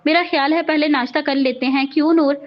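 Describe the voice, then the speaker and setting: A woman's voice: high voice, steady tone, fast talker, highs cut off, close to an everyday voice. A woman reading the lines of a playful young husband who teases his new bride. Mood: teasing. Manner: teasing.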